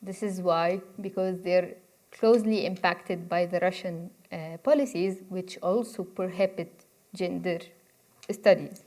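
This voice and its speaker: A woman's voice: on the low side, fairly even intonation, a little slow, a little mellow. A woman, giving a conversational university lecture and inviting the audience to interrupt with questions. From Egypt. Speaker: guest speaker.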